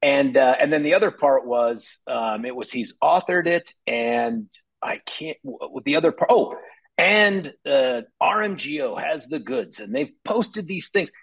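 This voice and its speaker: Raspy animated male radio guest. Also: fairly high pitch, unhurried, poor audio. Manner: animated, defensive, laughing. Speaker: political candidate guest. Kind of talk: talk radio interview.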